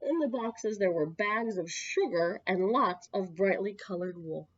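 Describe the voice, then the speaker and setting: In a measured, lively read-aloud of a children's picture book, a woman who tells stories at a public library uses a slightly rough mid-range voice, emphasizing and elongating key words for young listeners. Dry, close and mildly lo-fi, the recording has a muffled top end.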